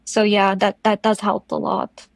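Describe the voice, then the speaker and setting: A South African woman with an Afrikaans accent and Afrikaans as her first language, speaking thoughtfully and haltingly as an interview guest. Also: mid-range voice, completely flat delivery, no room sound. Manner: thoughtful, halting, searching for words. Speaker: podcast guest. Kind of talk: reflective interview conversation.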